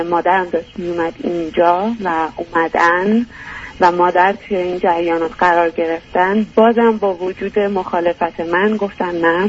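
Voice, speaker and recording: Young woman, radio caller, hesitant, halting phrases, dull lo-fi sound. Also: on the low side, a little hiss or hum. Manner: hesitant, searching for words. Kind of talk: call-in advice talk.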